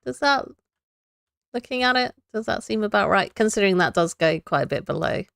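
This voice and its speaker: A woman's voice: mid-range voice, lively intonation, brisk, gravelly, fairly bright tone, clean tone, no echo, clean studio sound. A young woman streaming a building game, chatting to viewers and thinking aloud as she builds, laughing often. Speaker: Minecraft streamer. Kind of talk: casual live gameplay chat.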